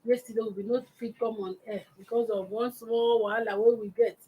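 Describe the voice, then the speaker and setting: A woman's voice: on the high side, fairly even intonation, a little fast, husky, phone-quality sound. A woman with a Nigerian accent chatting casually as a talk show co-host.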